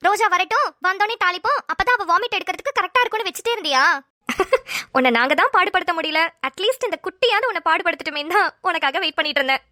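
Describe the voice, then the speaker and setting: A playful young woman in a cartoon teases her friend in rapid banter, voiced by a woman. The voice is very high, bright and sharp. It is recorded dry and close. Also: expressive, no echo, full character voice. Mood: teasing. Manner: teasing, fast banter. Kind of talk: cartoon voice acting.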